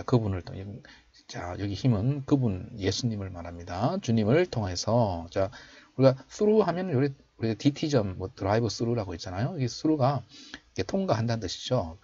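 A man with a Korean accent teaching an English Bible verse, repeating each phrase slowly for listeners to say after him. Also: mid-range voice, dark tone, husky, lo-fi sound. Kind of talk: slow drilled recitation lesson.

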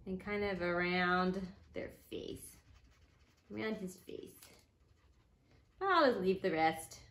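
A woman's voice: on the low side, animated, slow, fairly bright tone. A woman, a children's pastor, leading a children's church lesson with a craft, talking playfully and explaining step by step to kids.

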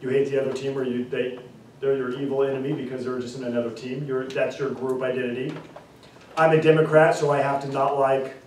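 An instructor lectures in an echoey indoor classroom, recorded by a far-off camera mic with slight hiss or hum. His medium-pitched, darkish voice stays level as he explains using repeated examples and slowly stresses key terms.

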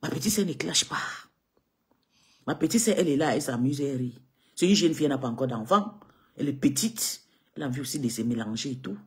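A woman from Cameroon, scolding a critic in a combative monologue, swinging from low mutters to high outbursts. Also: animated, fast, husky. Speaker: live streamer answering a critic. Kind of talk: heated monologue on a live video.

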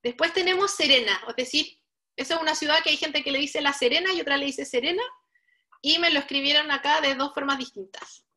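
A woman with a clear, bright teaches a live online coding workshop. Her voice sits high, and she addresses the learners directly as she walks them through each step with patience. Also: brisk. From Chile. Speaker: workshop instructor.

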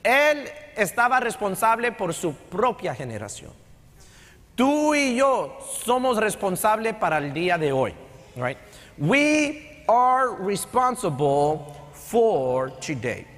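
His voice sits high and bright, swinging widely in pitch as he speaks slowly. He's a middle-aged Texan pastor giving a conversational sermon in Texan-accented Spanish, code-switching into English, from the stage of a large sanctuary with long hall reverb.

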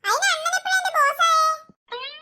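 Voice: extremely high pitch, normal speed, very noisy. ഒരു ശബ്ദതാരം ചെയ്യുന്ന പേടിത്തൊണ്ടൻ കള്ളൻ സഹായി. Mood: nervous. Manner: nervous, pleading. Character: timid young thief sidekick, scared of dark.

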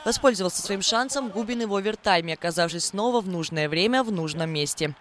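Fast high-voiced male sports reporter. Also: crowd noise. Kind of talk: scripted news narration.

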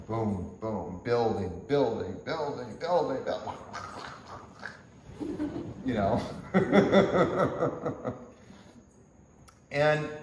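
Male yoga teacher with a lowish voice, giving a gentle, unhurried workshop lecture with chuckles; echoey hall. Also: distant mic, slight background noise. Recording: echoey room.

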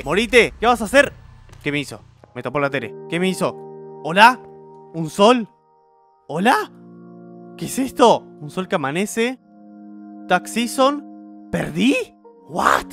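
Jumpy, high-voiced Rioplatense man. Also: fairly bright tone. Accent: Rioplatense Spanish. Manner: jumpy, nervous, yelps at scares. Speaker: gameplay streamer. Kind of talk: horror gameplay commentary.

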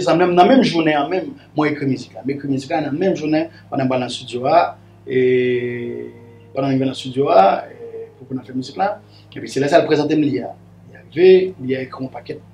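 A man's voice: medium pitch, dark tone, a little hiss or hum. A man, a guest musician telling a long story in a casual, rambling way, repeating words and the filler "là". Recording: roomy echo with faint music underneath.

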